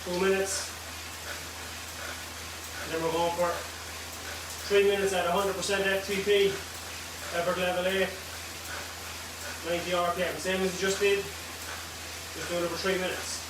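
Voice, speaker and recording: A man coaching an indoor cycling workout in a steady, measured cadence, giving short encouraging cues and countdowns. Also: sits high. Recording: echoey room, distant mic, loud background noise.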